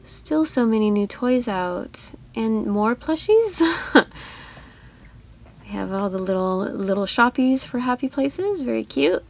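A woman's voice: fairly high pitch, expressive, takes it slowly, creaky, darkish tone. A woman vlogging a toy hunt in a store, chatting casually and gushing over each toy she spots. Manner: chatty, easily delighted, gushing over toys.

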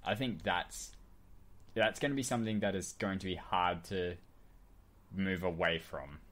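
A man in his twenties with a lowish voice, co-hosting a casual podcast. He rambles loosely, restarts his sentences and leans on fillers like "uh" and "like". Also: a little slow, a bit bright. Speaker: podcast co-host. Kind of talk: casual chat.

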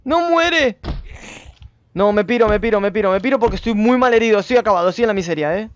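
A man streaming a survival game who yells at his character in panic, then drops into muttered play-by-play commentary. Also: sits high, rapid-fire, clean tone, dry recording. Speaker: gaming streamer. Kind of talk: excitable let's-play commentary. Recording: slightly dull lo-fi sound.

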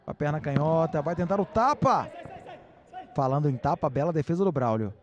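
Brazilian male commentator, slightly high pitch, live match play-by-play in short bursts. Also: lively intonation, brisk, muffled recording. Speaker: sports commentator.

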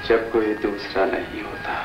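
A man's voice: fairly low pitch, little pitch movement, lightly acted. An actor playing a homesick young man abroad who speaks in a tender, reflective way, in 1980 film dialogue. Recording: roomy lo-fi old film soundtrack with music.

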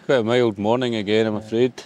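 A man's voice: fairly low pitch, little pitch movement, quick pace, darkish tone, no echo. A Scottish man bantering dryly outdoors by a remote mountain cabin. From Scotland. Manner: dry, joking. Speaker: hiking companion. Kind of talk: casual banter.

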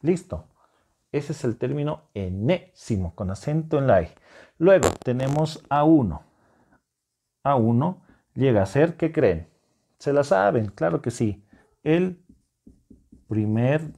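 A male math teacher with a mellow, warm tone walks secondary students through a lesson at the board. He is patient and encouraging, breaking each step down and keeping the class with him through frequent check-in questions. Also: mid-range voice, very animated, takes it slowly, vocal fry, long pauses. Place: classroom whiteboard.

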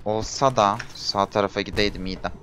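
A man giving frustrated commentary while playing a game, groaning, pleading and shouting at it. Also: lowish voice, fairly even intonation, brisk, a little hiss or hum. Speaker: gameplay streamer.

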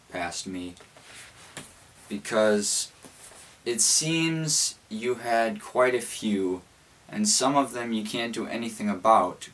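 A man's voice: lowish voice, a bit bright, slight background noise. A young man in his late teens talking reflectively to camera, his mouth held a little stiffly because of a cold sore on his lip. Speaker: vlogger. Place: small cluttered bedroom, indoors. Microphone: camera a few feet away.

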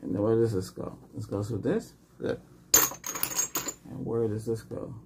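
A middle-aged man improvises an ASMR roleplay as an ER doctor in a small home room set up as a clinic, giving short, simple questions and instructions as in a medical exam. His voice sits on the low side, creaky and fairly even, a little slow, over a noisy background.

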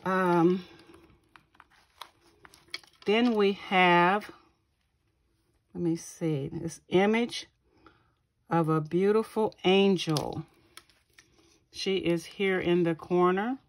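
Woman, craft channel host, very slow gushing show-and-tell, lowish voice, halting word-finding. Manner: slow, gushing, pausing often to find words. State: keeps clearing her throat. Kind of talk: casual show-and-tell unboxing.

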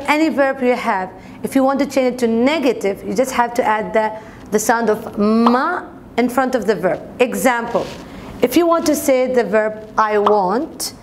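In a bright office classroom, a young adult video host gives a casual language lesson, explaining and repeating example words to the camera. She has a fairly high-pitched voice, and the recording carries slight background noise.

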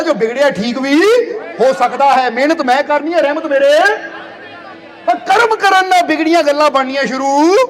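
A man delivers a devotional sermon in a strikingly high voice. He is earnest and drives his points home by repeating them. His voice carries a long reverb from the hall. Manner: earnest, repeats phrases for emphasis, sings short devotional verses. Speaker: spiritual preacher. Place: satsang hall.

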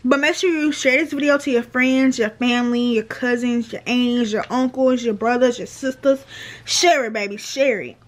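A woman's voice: fairly high pitch, steady tone, moderate pace, slight background noise. A young woman vlogger telling a casual storytime, chatty and slangy, repeating her phrases.

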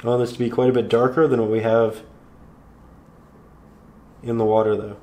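This man teaches painting, taking viewers through each step with calm encouragement and no rush. His voice is slightly hoarse and medium in pitch.

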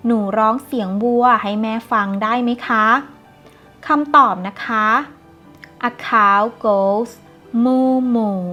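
Woman doing a kids english lesson, slow careful repeats, light music underneath. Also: medium pitch, highs cut off. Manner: clear, slow teacherly pronunciation with Thai translations. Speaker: parent teaching English to children. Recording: soft background music.

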